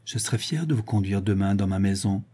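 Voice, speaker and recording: A man's voice: fairly low pitch, animated, brisk, mellow, slightly rough. A man voicing a lovesick, wounded clergyman. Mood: earnest. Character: infatuated, wounded clergyman, middle-aged man.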